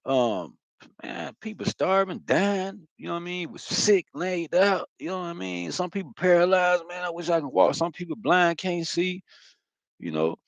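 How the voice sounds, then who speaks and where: A man's voice: high-pitched, animated, normal speed, creaky, no room sound. A man giving a loose, profane spiritual monologue, talking casually with lots of fillers. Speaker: spiritual vlogger.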